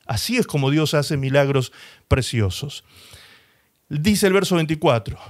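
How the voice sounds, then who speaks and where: A male pastor preaching a sermon, retelling scripture dramatically and slowing down for emphasis. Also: fairly high pitch. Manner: expressive preaching, slows and rises for emphasis; dramatizes scripture, voicing the people in the story.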